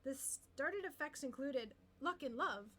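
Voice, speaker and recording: A woman reading a light novel aloud in an expressive, animated way. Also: high voice, unhurried, very noisy. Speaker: reader and channel host.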